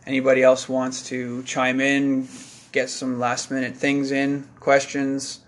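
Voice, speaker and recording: A man co-hosting an event live stream in casual chat, joking with quick asides and slightly losing his voice. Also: mid-range voice, monotone. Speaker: event co-host.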